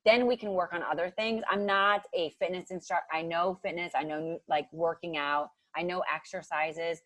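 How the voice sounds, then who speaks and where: As a guest on a podcast, a woman in her thirties from Ohio, USA, chats casually about nutrition coaching, peppering her talk with "like" and acting out quotes. Her voice is fairly low and fairly bright, her intonation fairly even, at normal speed with no room sound.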